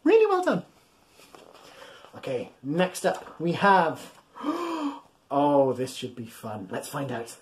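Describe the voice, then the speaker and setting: In a mid-range voice with huge pitch swings, a man in his thirties reads bedtime stories to small children, and the recording carries a little hiss or hum. His reading is playful, exaggerated and encouraging, punctuated by questions and pauses aimed at his listeners. He's in a small home room full of soft toys.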